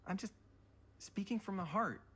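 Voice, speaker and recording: An actor voicing a sweet-talking teenage younger brother in a video game, hesitant and coaxing. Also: male voice, high-pitched, moderate pace, a bit bright, slightly rough.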